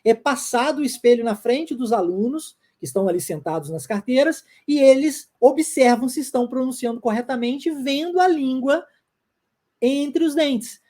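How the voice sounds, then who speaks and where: Teaching pronunciation online, a Brazilian Portuguese-accented English teacher repeats her examples and regularly checks in with viewers. She speaks at a moderate pace in a high voice with a dark tone.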